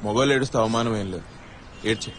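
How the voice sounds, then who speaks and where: A man's voice: lowish voice, quick pace, a bit bright, slight background noise, close to an everyday voice. A man in a film scene, easygoing and consoling toward a friend. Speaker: friend of the groom. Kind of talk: film dialogue.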